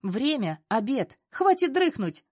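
A woman voicing a bubbly, energetic young female friend who eagerly pushes her pal on in a storybook reading. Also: high-pitched, takes it slowly, husky, no room sound, clean studio sound, voice pushed up, heavily acted. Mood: bouncy. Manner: eager, pushy.

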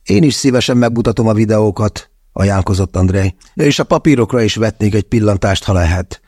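An earnest young man presses his case, coaxing and insistent, as a male narrator voices him. The tone is low and mellow, the recording dry. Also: no echo. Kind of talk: audiobook character voice.

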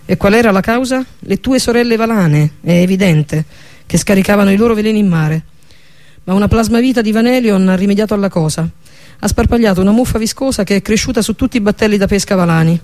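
A man narrating a fantasy audiobook with a steady, even reading manner. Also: high voice, fast talker. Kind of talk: scripted narration of a fantasy novel.

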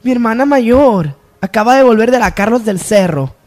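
A woman playing a caring, outspoken young character, expressive and colloquial, in radio soap opera acting. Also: a little high, moderate pace, lightly acted. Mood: excited.

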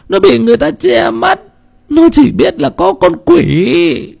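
A man voicing a grieving elderly village mother in an audio story, telling her fears in a drawn-out wailing lament. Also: sits high, creaky, darkish tone, pitched above the performer's own voice, full character voice. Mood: fearful.

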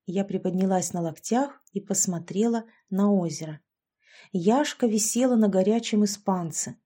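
A woman reading a story aloud, narrating and voicing the dialogue of several characters in a lively way. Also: medium pitch, normal speed, husky. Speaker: audiobook narrator. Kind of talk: scripted narration with acted dialogue.

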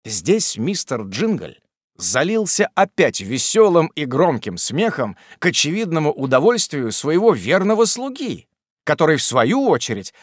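A man narrating a classic novel in an expressive, theatrical reading. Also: fairly high pitch, dry recording, clean studio sound. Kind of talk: scripted audiobook narration.

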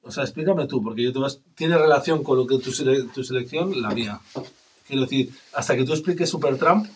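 A man's voice: mid-range voice, a little fast, distant mic, a little hiss or hum. A man from northern Spain with a Basque accent, hosting a community radio show and telling a rambling, self-deprecating story. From northern Spain, Basque region. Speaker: radio host. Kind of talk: casual radio chat.

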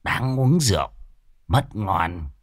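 A man voicing a tipsy old ghost-hunting master who grumbles in a low, mumbling way. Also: big pitch swings, slow pace, no echo, studio quality, heavily acted. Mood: gruff tipsy.

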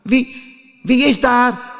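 A man voicing a young wooden puppet boy in a storybook reading, with high pleading cries. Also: expressive, moderate pace, fairly bright tone, full character voice. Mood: frightened.

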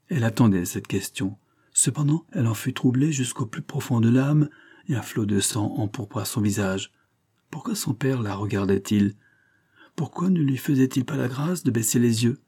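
A man reading a classic novel aloud as an audiobook narrator, in a steady, measured way. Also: lowish voice, slightly rough. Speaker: audiobook reader. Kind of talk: scripted literary narration.

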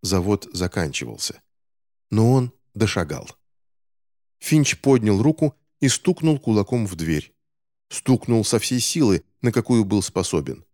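A man reading a novel aloud in measured scripted narration. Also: fairly low pitch, big pitch swings, warm tone, no echo, clean studio sound. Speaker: audiobook narrator.

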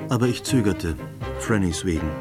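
Reflective engineer narrator, low voice. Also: male voice, expressive, normal speed, over loud music. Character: reflective male engineer recounting his past. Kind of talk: scripted first-person narration in an audio drama.

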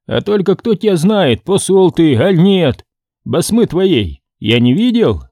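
Calm, sly old churchman, voiced by a male narrator; warm, husky, lively. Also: high-pitched, unhurried, dry recording, clean studio sound, voice pushed up, exaggerated voice. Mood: calm mocking. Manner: calm, mildly mocking. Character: old grey-browed church leader, calm and shrewd.

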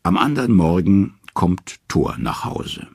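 A male audiobook narrator telling a myth with dramatic expression. His voice is very deep and strongly husky, and the recording is close and dry. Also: very animated, a little slow, dry recording. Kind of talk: scripted storytelling narration.

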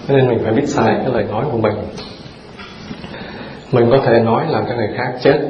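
A man's voice: mid-range voice, a little hiss or hum. A man, a Buddhist monk giving a dharma talk, firing rhetorical questions at his audience in a folksy, humorous way. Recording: roomy dull hall recording with audience present.

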